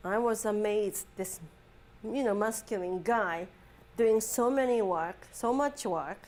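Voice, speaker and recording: A woman's voice: mid-range voice, slow pace, darkish tone. A woman psychology professor giving a classroom lecture, mixing chatty stories with textbook definitions and acting out quoted dialogue.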